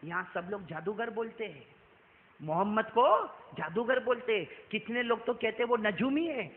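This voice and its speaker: A male preacher voicing a frail, kindly elderly woman in an echoing hall, speaking softly and low. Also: close to an everyday voice. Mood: warning. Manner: soft, low, pleading. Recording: tinny phone-like sound, echoey hall.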